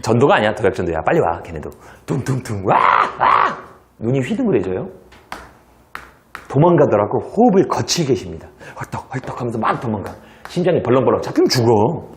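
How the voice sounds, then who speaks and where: A male teacher giving a lively classroom lecture, telling stories with sound effects and acted dialogue and throwing rhetorical asides to his students. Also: mid-range voice, brisk, a little hiss or hum. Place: lecture hall.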